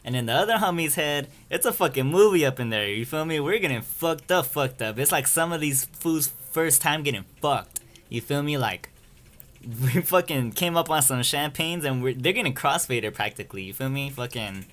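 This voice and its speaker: A man's voice: a little high, animated, normal speed, fairly bright tone. A young man telling a rambling story-time anecdote in casual, profane slang. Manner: rambling, slangy and profane, keeps saying "you feel me". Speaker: storyteller vlogger.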